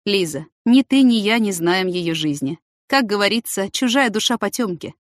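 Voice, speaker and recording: A woman reading an audiobook, voicing a middle-aged male head of a maternity ward who speaks in a firm, brisk way. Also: mid-range voice, animated, dry recording, studio quality, lightly acted.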